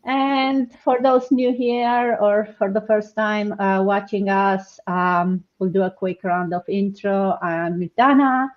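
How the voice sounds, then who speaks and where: A woman's voice: medium pitch, steady tone, slow, hardly any pauses, dull audio. Hesitant woman hosting an online panel. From Romania. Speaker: host. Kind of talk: live online panel chat.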